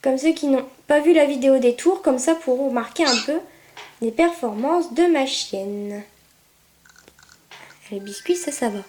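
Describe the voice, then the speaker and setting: A high-pitched woman chats through a pet game in a casual, excitable way. She coos at her puppy and calls out commands loudly. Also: a little slow, pauses often, a little hiss or hum. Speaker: gameplay video maker. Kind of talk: casual gameplay commentary.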